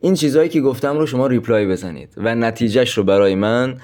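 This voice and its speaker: A man's voice: mid-range voice, darkish tone. A man coaching listeners on dating, going through numbered tips in a direct, chatty way and addressing them as friends. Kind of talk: instructional monologue with numbered tips.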